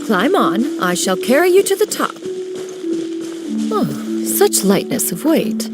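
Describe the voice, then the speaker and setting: A woman's voice: on the high side, slow pace, full character voice. A woman voicing Xianyun, a dignified, composed adept in a video game who speaks formally. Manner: formal, archaic, calm. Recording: game audio with clear music.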